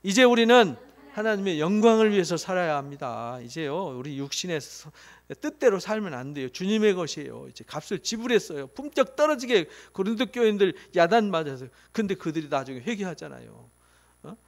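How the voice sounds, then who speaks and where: A middle-aged man preaching a sermon as a pastor, emphatic and full of rhetorical questions, swinging between loud pleas and soft, quiet drops. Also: sits high, lively intonation, fairly quick.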